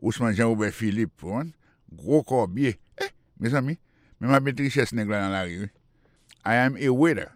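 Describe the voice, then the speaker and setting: In a dry, studio-quality recording, a man with a medium-pitched voice and moderate pace teaches English on the radio. He patiently goes over phrases again and spells out each word letter by letter.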